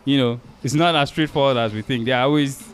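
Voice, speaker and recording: A man's voice: medium pitch, quick pace. A middle-aged Nigerian man co-hosting a podcast, telling anecdotes in casual chat with bits of Pidgin. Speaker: podcast co-host. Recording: music playing in the background. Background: background music.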